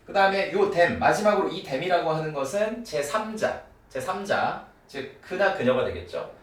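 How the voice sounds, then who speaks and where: A man gives a grammar lesson with a lively, rising and falling voice. He repeats example phrases slowly, again and again, so they can be drilled. The sound is roomy, and he is set back from the mic. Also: a little high, distant mic. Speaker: English teacher. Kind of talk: spoken English grammar lesson.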